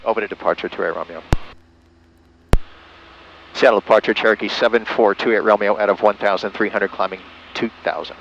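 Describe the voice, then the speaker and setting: A low-pitched man makes air traffic control radio calls as a pilot. He speaks in measured, procedural readbacks and callouts, with clear aircraft noise in the cockpit recording. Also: steady tone, muffled recording. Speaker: pilot, video host. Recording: noisy aircraft cockpit audio.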